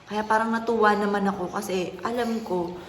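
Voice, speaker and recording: A woman's voice: mid-range voice, steady tone, normal speed, a crowd in the background. Earnest mother telling a story. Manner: soft, earnest storytelling with polite address. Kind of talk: casual vlog talk. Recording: echoey room with faint noise.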